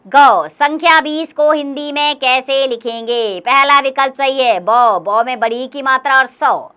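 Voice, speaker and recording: A young woman teaches a children's grammar lesson. Her voice sits high and sounds clear and sharp. She talks patiently and encouragingly, often counting things out loud one by one. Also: unhurried. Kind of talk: explaining a workbook lesson to children.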